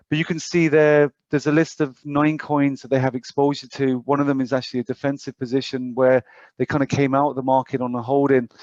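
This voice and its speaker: With a medium-pitched, darkish voice and no room sound, a British man delivers an informal financial advisor's presentation on an online call, hesitant and full of hedged asides. The call audio comes across dull and muffled.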